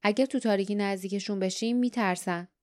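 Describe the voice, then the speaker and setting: A woman's voice: medium pitch, no room sound, clean studio sound, lightly acted. A woman voicing an earnest young male hero in an audiobook. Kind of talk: audiobook dialogue.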